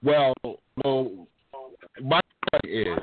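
A man talks slowly through a phone line that keeps breaking up and cutting out. The sound is thin and tinny, with clear static under his halting, repeated words. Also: medium pitch, animated.

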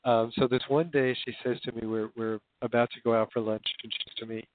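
A man's voice: mid-range voice, fairly even intonation, fast talker. Man on a crackly, static-filled phone line. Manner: hesitant, with many fillers and restarts. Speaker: guest. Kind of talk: phone-in radio interview.

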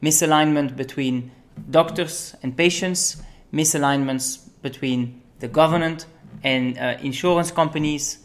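A man's voice: a little high, a little slow, hardly any pauses. A young man from Belgium, a consultant being interviewed, who talks casually with many ums and uhs. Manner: relaxed, with frequent ums and uhs. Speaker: guest, management consultant.

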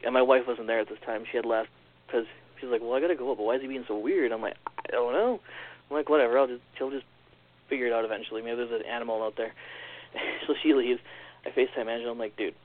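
Fast-talking man on a tinny line. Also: mid-range voice. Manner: animated, quick storyteller acting out quoted lines. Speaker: podcast guest. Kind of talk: casual storytelling.

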